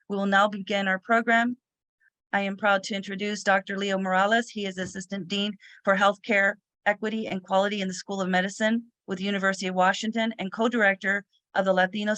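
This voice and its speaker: A woman moderator delivering a formal, scripted podium-style welcome speech, reading out names and lists in a measured way. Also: mid-range voice, fairly bright tone, no echo. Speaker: moderator and host.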